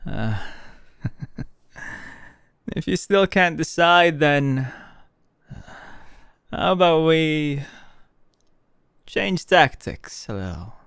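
A young man voicing a gentle, teasing male hero who speaks softly with little laughs in a fan audio roleplay. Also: a little high, sing-song, very slow, creaky, pauses often, clear, resonant tone, no echo, studio quality, exaggerated voice. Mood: playful.

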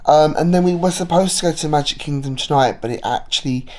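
Guy vlogging his trip, bit hoarse from a cold, rambly and chatty, lots of ums. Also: on the high side, quick pace, a little mellow. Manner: chatty, rambling with many fillers. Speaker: travel vlogger. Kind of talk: casual vlog narration.

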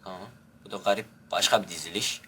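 A man's voice: low voice, fast, bright, forceful tone, a little hiss or hum. A young man giving rowdy, crude commentary over his own gameplay and barking orders at his troops. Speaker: gaming youtuber.

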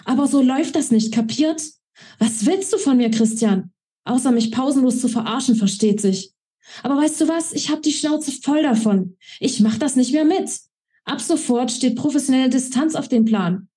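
A woman voicing a proud young woman who lashes out at her lover in sharp, scolding outbursts. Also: mid-range voice, measured pace, husky. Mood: angry.

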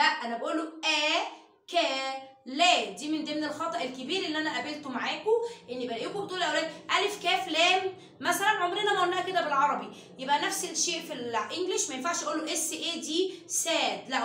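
A woman with an Egyptian accent teaching English phonics. She drills the sounds slowly and loudly, switching between Arabic and English. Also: high voice, reverberant. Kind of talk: phonics lesson.

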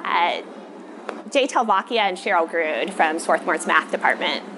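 On a covered walkway in the city, a woman in her thirties answers rapid casual questions briefly and thoughtfully, her lowish voice animated but measured in pace. She's a machine learning researcher from Texas with an American accent. Outdoor city ambience is audible.

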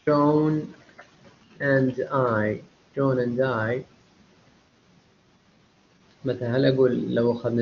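Gravelly male lecturer, dull audio. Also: medium pitch, slight background noise. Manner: explains step by step, often checking understanding; mixes Arabic explanation with English examples. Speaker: university English instructor. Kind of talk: live online lecture.

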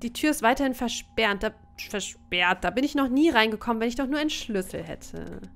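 Woman let's player, relaxed thinking-aloud gameplay chat, slightly high voice. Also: brisk, creaky. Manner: thinks aloud, searches for words. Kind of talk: casual gameplay commentary.

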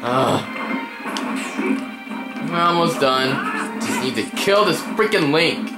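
A young man giving let's play commentary on a video game, excitable and yelling at the game when frustrated. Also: mid-range voice, takes it slowly. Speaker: gameplay commentator. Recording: echoey room with game music behind. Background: game music.

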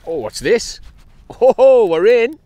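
A man's voice: very high voice, takes it slowly, no echo. Chatty man fishing from a kayak. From North East England. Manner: chatty and upbeat, with excited bursts when a fish is hooked. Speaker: kayak angler. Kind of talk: casual fishing vlog commentary. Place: on a kayak out at sea, outdoors. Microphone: action camera mounted on the kayak.

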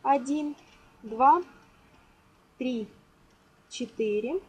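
Seated at a table indoors, a craft tutorial host teaches step by step in a very slow, high-sitting voice, counting out loud and calling things by sweet little diminutive names. The audio is poor, an amateur home recording with clear background noise.

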